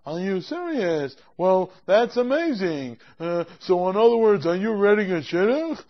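Someone doing a chill agreeable baker guy, slow talker, muffled recording. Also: medium pitch, very animated. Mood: patient. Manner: agreeable, keeps saying no problem. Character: obliging small-town baker. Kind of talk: amateur comic storytelling skit. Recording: dull lo-fi recording.

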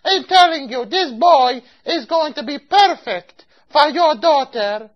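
A woman's voice: high voice, expressive, a little slow. A woman playing a fussy older customer and matchmaker who speaks broken English full of Yiddish words and keeps repeating herself. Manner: picky, insistent, repeats herself. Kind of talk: amateur comic storytelling skit. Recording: dull lo-fi recording.

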